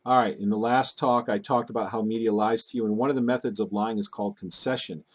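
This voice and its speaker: A man commenting on video clips in a deliberate, analytical way, with frequent fillers. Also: fairly low pitch, steady tone. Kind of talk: casual commentary.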